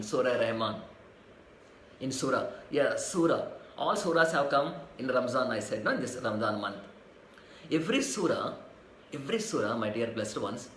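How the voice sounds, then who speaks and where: A man's voice: fairly high pitch, fairly bright tone. A man preaching a devotional sermon, repeating phrases rhythmically and chanting verses. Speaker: spiritual teacher. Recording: echoey room, faint ambient noise.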